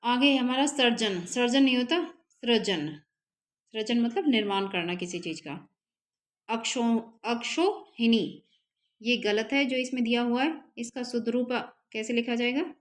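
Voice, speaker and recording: Slow, deliberate woman teaching spelling. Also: on the high side, steady tone. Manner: slow, repeats each word for students to copy. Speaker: Hindi teacher. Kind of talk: exam-prep spelling lesson.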